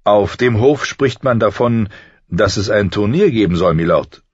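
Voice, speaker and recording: A man's voice: fairly low pitch, animated, a little slow, breathy edge, dry recording, pitched above the performer's own voice. A man voicing an eager, loyal captain of the guard in an audiobook. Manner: eager reporting tone. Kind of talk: audiobook character voice. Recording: slightly muffled dry recording.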